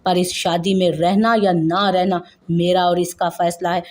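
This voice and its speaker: A woman's voice: lowish voice, flat delivery, measured pace, close to an everyday voice. A woman voicing a young husband who desperately pleads and stubbornly refuses to let his wife go, in a narrated audio novel. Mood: stubborn angry. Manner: pleading, then shouting in anger.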